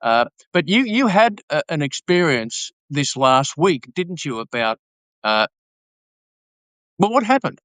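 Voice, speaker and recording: A man with a slightly raised pitch talks in a measured, halting way. He leans on fillers and restarts. The sound is close and dry. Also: sing-song, fairly bright tone, no room sound. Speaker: podcast co-host. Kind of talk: casual conversation.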